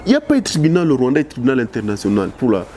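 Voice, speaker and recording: An impassioned man with a Congolese French accent, giving his views as an interview guest. His voice is mellow and dark, and he often restarts his words. A faint hum sits behind him. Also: medium pitch, huge pitch swings, racing. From Democratic Republic of the Congo. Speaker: political analyst guest. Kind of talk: interview answers.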